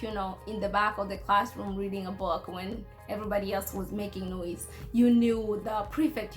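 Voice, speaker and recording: Casual vlog storyteller: young woman, higher-pitched voice, informal and playful, music underneath. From Congo, schooled in Kenya. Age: young adult. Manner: conversational, informal, playful asides. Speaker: vlogger sharing personal experiences.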